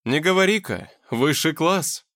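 A man's voice: on the high side, expressive, measured pace, a bit bright, no room sound, voice pushed up. A man voicing a sardonic, grumbling young man with a dry, sarcastic manner. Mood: wry.

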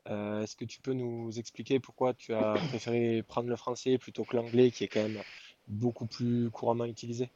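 A man's voice: medium pitch, little pitch movement, normal speed, mellow, dull audio, slight background noise. A man interviewing a band, asking questions politely with hesitant fillers.

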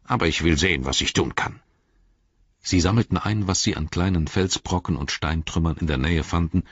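A man reading an audiobook in a measured, dramatic storytelling manner. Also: low-pitched, slightly rough, dry recording. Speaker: audiobook narrator. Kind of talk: scripted audiobook narration. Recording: dry, slightly dull lo-fi recording.

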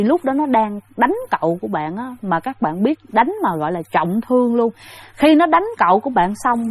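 A woman's voice: fairly high pitch, dry recording. A woman telling a ghost story in a chatty way, speaking straight to her listeners with many fillers. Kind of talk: casual spoken ghost story.

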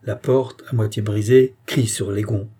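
A man narrating a historical novel as an audiobook in a steady, measured storytelling voice. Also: on the low side, breathy edge.

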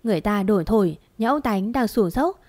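A woman narrating a dramatic story in a steady, expressive reading voice. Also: medium pitch, fairly quick.

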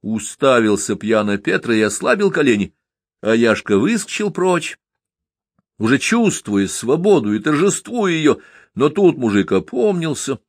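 A man narrating a novel aloud in an expressive, dramatic reading style. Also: mid-range voice, a little slow, no room sound, studio quality. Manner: dramatic, animated storytelling. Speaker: audiobook reader.

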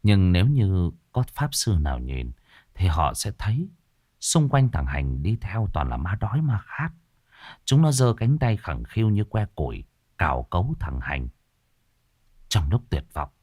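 Male horror narrator, dramatic, low and dry. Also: a little slow, breathy edge, dry recording. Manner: expressive, dramatic. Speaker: storyteller.

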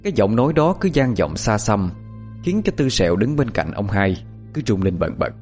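Lively low-voiced horror storyteller. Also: male voice, moderate pace, soft background music. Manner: expressive, suspenseful. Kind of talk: scripted horror narration.

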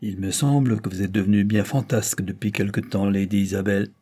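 A man voicing a sharp, scolding spinster sister-in-law who contradicts everything. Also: on the low side, fairly even intonation, fairly quick, husky. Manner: sour and contradicting.

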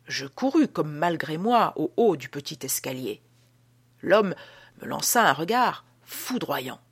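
A woman reading an audiobook as an old male prison guard telling an uncanny tale, with a dramatic, hushed delivery. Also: sits low, big pitch swings, unhurried, breathy edge, full character voice. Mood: spooked. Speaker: audiobook reader.

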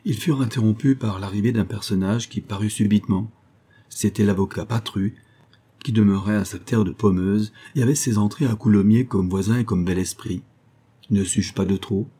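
A man narrates a classic novel in an even, measured way. His voice is low and warm, with a soft husky texture. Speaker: audiobook narrator. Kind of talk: literary audiobook narration.

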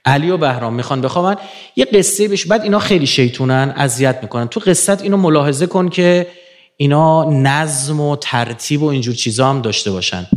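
A man giving a lecture to an audience, animated, swinging from low murmurs to emphatic rising peaks.

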